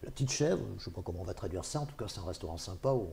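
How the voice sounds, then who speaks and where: A man's voice: sits low, animated, racing, creaky, mellow, slight background noise. A man hosting a local TV talk show, introducing guests and steering the discussion. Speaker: TV host. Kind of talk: live studio talk show.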